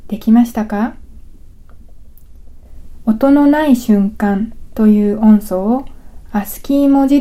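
Slow, mellow-voiced woman teaching a language. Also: fairly high pitch. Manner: slow, careful, patient delivery with drills. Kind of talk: scripted language lesson.

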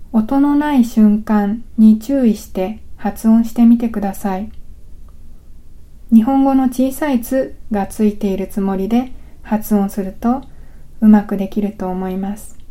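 A woman reads a language lesson at an unhurried pace, leaving room for the listener to repeat. Her voice is dark and mellow yet sits slightly high. She sounds careful and patient throughout. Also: steady tone. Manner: slow, careful, patient delivery with drills. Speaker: language teacher.

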